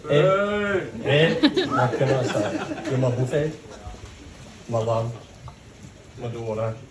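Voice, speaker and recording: A man, father of the bride, giving a short, emotional, halting wedding speech. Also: medium pitch, expressive. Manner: short, emotional, halting, calls people mate. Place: wedding reception room. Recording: echoey hall, mic far off, loud crowd.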